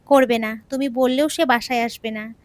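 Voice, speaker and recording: A woman's voice: fairly high pitch, fairly even intonation, normal speed, dry recording, lightly acted. A woman voicing a smug, scheming young woman who taunts and orders around her rival in an audio story. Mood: taunting. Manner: taunting, mocking, commanding.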